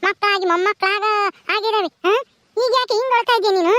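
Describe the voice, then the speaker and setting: A woman's voice: very high-pitched, a little fast, no echo. A woman voicing a deaf, talkative old village grandmother who scolds and keeps asking "eh?". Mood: bewildered. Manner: loud, repeats "ha?" as if hard of hearing. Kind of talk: village comedy voice acting.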